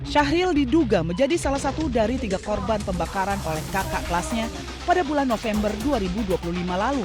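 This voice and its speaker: A woman narrates a news report from a script. Her pitch sits in the middle range, and music plays clearly behind her. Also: animated, fast. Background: music under the voice.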